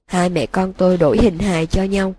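A woman voicing a broken young male wizard who confesses in a flat, emotionless monotone, in an audiobook reading. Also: lowish voice, normal speed, close to an everyday voice.

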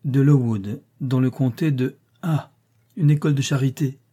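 A man's voice: mid-range voice, normal speed, warm tone, slightly rough, lightly acted. A man reading the part of a polite, reserved young governess in an audiobook. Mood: composed. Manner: polite and composed.

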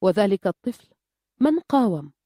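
An earnest, steadfast village doctor with a low, warm, mellow voice, read by a woman narrator. He speaks with quiet resolve, and the recording is close and dry. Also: fast, no room sound, lightly acted. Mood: indignant.

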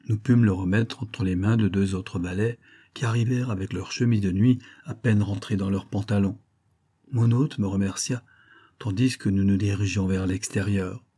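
Mellow, husky male audiobook narrator. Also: medium pitch. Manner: steady, measured storytelling. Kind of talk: scripted first-person narration of a novel.

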